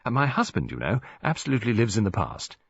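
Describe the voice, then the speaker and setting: Putting on a heavily acted voice, a male narrator plays a genteel older English lady of almost seventy, chatting cheerfully and rambling politely with lively, swooping pitch. He talks fast in a slightly husky tone, captured in a dull, close, dry audiobook recording with no room sound.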